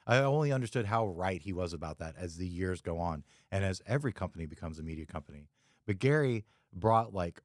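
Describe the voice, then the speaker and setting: Laid-back low-voiced man, dry sound. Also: dry recording. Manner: laid-back, rambling, many fillers. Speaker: podcast host, photographer. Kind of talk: casual chat.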